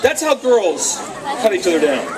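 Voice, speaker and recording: A man giving a lively youth sermon, acting out quotes and laughing often, recorded on a camcorder from across the room. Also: sits high, normal speed. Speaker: youth speaker. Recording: distant camcorder sound, faint crowd.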